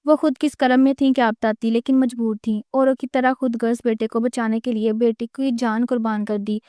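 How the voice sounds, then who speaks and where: A woman narrating a romance novel aloud in a steady, even storytelling manner, close to the mic. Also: fairly high pitch, dry recording. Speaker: audiobook narrator.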